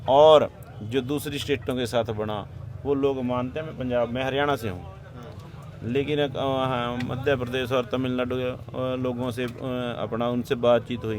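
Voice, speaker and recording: A man speaks with fiery emphasis, his voice climbing into loud bursts as he presses his point. He is outdoors at a protest, with faint street and traffic noise behind him. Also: medium pitch. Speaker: protesting farmer. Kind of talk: impassioned interview answer.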